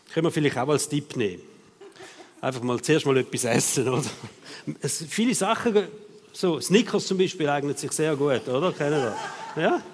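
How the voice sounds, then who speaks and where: A man with a Swiss German accent preaching a sermon in a casual, conversational way, often checking in with his listeners through short tag questions. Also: fairly high pitch. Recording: long reverb of a hall.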